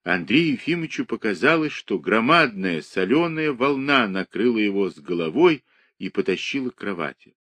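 A man narrating a literary audiobook with an expressive, dramatic reading. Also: fairly low pitch, normal speed, no room sound.

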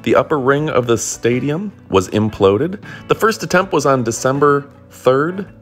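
A man's voice: mid-range voice, a little slow, soft background music. A man hosting and narrating a casual documentary in an upbeat way, with jokey asides. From Detroit area. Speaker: host and narrator.

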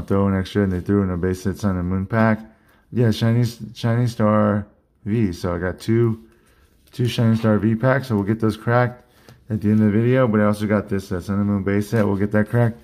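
A card collecting channel host chats casually with his viewers during an unboxing vlog, sitting at a desk in an indoor collection room. His slightly low, mellow voice sounds worn, as if he is losing it, and he often restarts his sentences as he rambles along.

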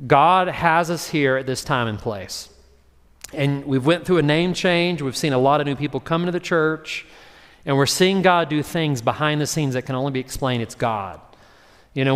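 A man's voice: on the high side, a bit bright. A man, a pastor giving a conversational sermon and acting out short voices in his story. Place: church sanctuary. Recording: long hall reverb.

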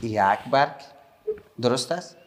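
A middle-aged man with an Afghan Dari accent, teaching young children patiently, repeating slowly and praising often. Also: mid-range voice, lively intonation. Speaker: primary school teacher.

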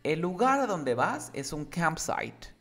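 A man's voice: a little high, sing-song, takes it slowly, fairly bright tone. A man teaching English to a Spanish speaker, explaining words patiently and switching between Spanish and English. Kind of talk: bilingual English lesson.

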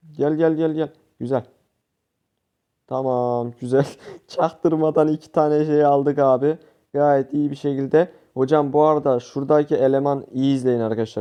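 A young man commenting live on his own gameplay for his channel, animated, talking to viewers and shouting at teammates. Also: on the high side, moderate pace, clear, resonant tone, muffled recording. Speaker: gaming youtuber.

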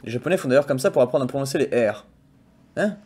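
A man's voice: mid-range voice, expressive, fast, dark tone, slightly rough. A man hosting a casual livestream chat, playful and jokey, swearing freely and breaking into theatrical mock laments. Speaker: streamer host.

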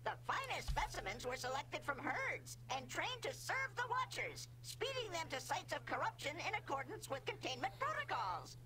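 A calm ship-computer custodian. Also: female voice, sits high, soft background music, heavily acted, low-quality recording. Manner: calm ship-computer announcer, measured and procedural. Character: calm female machine custodian of an ancient vault. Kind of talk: video game dialogue.

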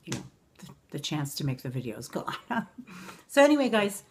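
A beauty vlogger in her forties chats casually about makeup in her bedroom at home, rambling with many ums and self-corrections in a makeup review vlog recorded on a camera. Her voice is deep, creaky and a little mellow, very animated at a moderate pace, with a little hiss or hum.

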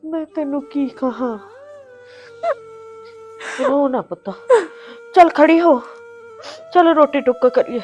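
In a short village drama, an actress voices a tender, weary middle-aged mother in grief, weeping in a tearful, wailing lament as she consoles her family. Her high voice is slow and darkish with frequent pauses, the sound is lo-fi, and soft music plays behind.

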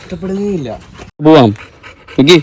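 A man's voice: fairly high pitch, lively intonation, normal speed, a crowd in the background. A man vlogging casually, teasing and chatting to his pet dog.

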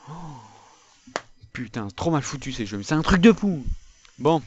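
A man's voice: mid-range voice, big pitch swings, moderate pace, a little mellow, lo-fi sound. A young man giving live gameplay commentary as an exasperated, swearing, raging gamer. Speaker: gamer recording gameplay for viewers. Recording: noisy, game gunfire behind the voice. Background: shooter game gunfire and clicks.

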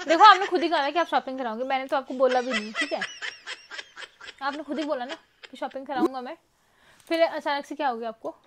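A woman's voice: high voice, fast talker, a bit bright, slight background noise. A woman pleading with and scolding her husband in a casual home vlog, coaxing him to talk. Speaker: wife being pranked.

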